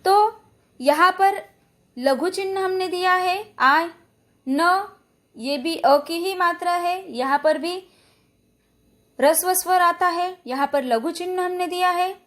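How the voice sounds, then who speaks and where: Slow, high-voiced woman teaching Hindi. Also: fairly bright tone. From India. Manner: slow, patient, stretches out syllables when demonstrating; checks in with frequent "है ना?". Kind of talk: recorded classroom lesson explaining poetic meter. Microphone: phone or app voice recorder.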